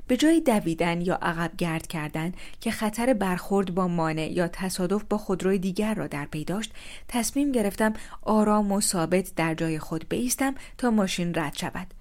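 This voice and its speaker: A woman calmly reading a first-person story aloud as scripted narration. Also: on the low side. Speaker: story reader.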